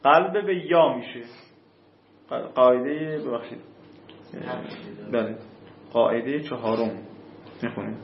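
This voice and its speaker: A man's voice: mid-range voice, gravelly, long pauses, slight background noise. A man teaching a class, stretching out key terms and checking that his students follow. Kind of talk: classroom lesson on Arabic grammar rules. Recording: echoey, slightly dull room recording.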